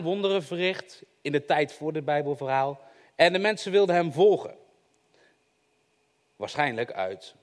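Chatty preacher with a higher voice. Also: male voice. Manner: conversational, joking asides, addresses the audience directly. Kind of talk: informal sermon.

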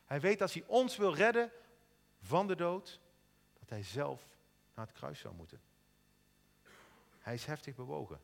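Earnest male preacher, fairly high and very animated, in a reverberant church hall. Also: unhurried, gravelly, pauses often. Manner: earnest, animated, stammers on repeated words. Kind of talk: sermon. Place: church in Eindhoven.

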